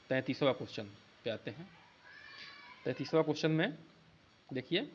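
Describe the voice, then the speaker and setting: A man teaching an exam-prep lesson in Hindi, explaining each answer and reading the English questions out slowly, word by word. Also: fairly high pitch, fairly bright tone. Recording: dull lo-fi sound.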